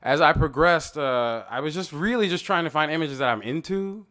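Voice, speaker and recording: A man in his thirties, an artist, gives a lively gallery talk about his own work in a fairly high, bright voice that swings widely in pitch. He drifts into casual stories and acts out the voices of the people in them. He speaks at normal speed, clearly, with a resonant tone.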